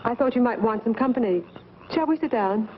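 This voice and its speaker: An actress playing a gentle, composed, grieving young woman in 1940s B-movie style. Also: on the high side, lively intonation, a little fast, close to an everyday voice. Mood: soft, composed. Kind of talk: 1940s B-movie film acting. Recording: muffled, noisy vintage film soundtrack.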